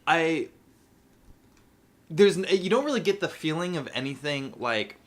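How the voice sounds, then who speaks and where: A man's voice: on the high side, lively intonation, unhurried. A young man co-hosting a podcast, rambling in a casual chat full of restarts and laughs. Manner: rambling, many fillers and restarts; laughs often. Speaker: podcast co-host.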